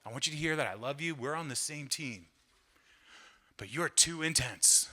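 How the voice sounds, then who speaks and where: Calm, firm wife , put on by a male comic, soft and reassuring, bright tone. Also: fairly high pitch, normal speed, full character voice. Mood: gently firm. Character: his calm, firm wife giving advice. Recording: long hall reverb from a live venue.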